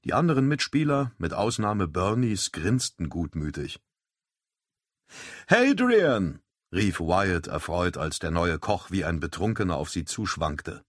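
Deep-voiced man narrating an audiobook. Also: moderate pace, hardly any pauses, no echo, clean studio sound. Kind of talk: scripted narration.

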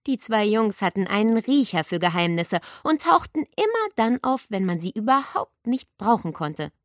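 Expressive woman reading a children's book. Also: mid-range voice, moderate pace, dry recording, clean studio sound. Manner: expressive storytelling. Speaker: audiobook reader.

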